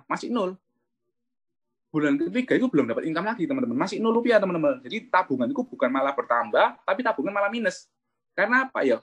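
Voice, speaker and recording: A man's voice: a little high, breathy edge. A man, an insurance agent giving a chatty motivational talk about his own experience and often addressing his listeners as friends.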